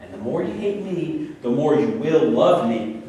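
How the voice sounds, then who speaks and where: In a warm, medium-pitched voice, an actor at a play reading gives an unhurried, very animated performance as a murderer who is delusional, manipulative and obsessed with a woman. He speaks in a seductive, intense, grandiose and sermonizing way, recorded with a distant mic in a large, very echoey room with faint noise.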